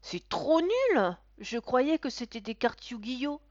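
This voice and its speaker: A woman voicing a bratty little boy at his birthday party, shrill and shouting. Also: big pitch swings, slow, dry recording, exaggerated voice. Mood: disappointed. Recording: dull, dry recording.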